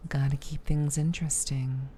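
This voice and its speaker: A playful, teasing woman streamer chatting casually while gaming, soft-spoken and often dropping toward a whisper. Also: very deep voice, little pitch movement, normal speed, a little hiss or hum. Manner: playful, teasing gamer girl. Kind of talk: casual live-stream chat.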